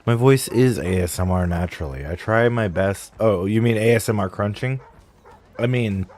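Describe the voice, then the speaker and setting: A man's voice: fairly low pitch, normal speed, a little mellow. A young man streaming a game, rambling casually and apologetically to his chat.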